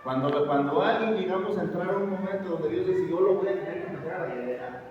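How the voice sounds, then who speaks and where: A man's voice: high-pitched, quick pace. A man preaching an emphatic sermon, questioning the congregation and calling them brother. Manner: emphatic, asks the congregation questions, repeats "hermano". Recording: echoey hall, distant mic, muffled and noisy.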